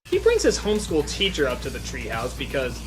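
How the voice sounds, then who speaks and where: A woman's voice: a bass voice, huge pitch swings, a little fast, music in the background. A woman giving snarky, critical comedic commentary.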